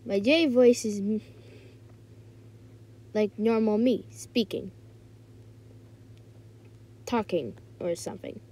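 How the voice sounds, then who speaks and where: A woman's voice: medium pitch, takes it slowly, pauses often, dark tone, slight background noise. A woman talking casually to her viewers as a video creator, playful and rambling. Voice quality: playful, rambling, self-correcting. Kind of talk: casual talk to camera.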